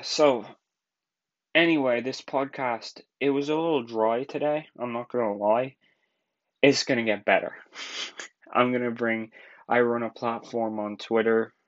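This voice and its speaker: A young Irish man in his twenties talks through a solo podcast, rambling and casual and quick to laugh. His voice sits on the low side. The recording is dull and lo-fi, like a home setup. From Ireland. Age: 20s. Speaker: podcast host.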